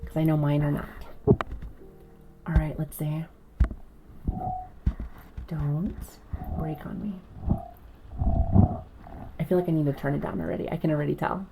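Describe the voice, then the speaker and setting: A woman with a low voice and a noticeable creak chats on an ASMR stream as if right in your ear. She speaks softly and playfully, often dropping into a whisper. The close microphone also carries clear background noise. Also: steady tone, moderate pace, pauses often. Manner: playful, gently silly. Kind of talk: ASMR, casual chat with stream viewers.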